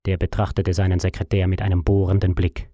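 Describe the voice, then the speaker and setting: A man with a fairly low voice reading a novel aloud. His storytelling is even and measured, in a steady audiobook manner. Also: no echo, clean studio sound. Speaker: narrator. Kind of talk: audiobook narration.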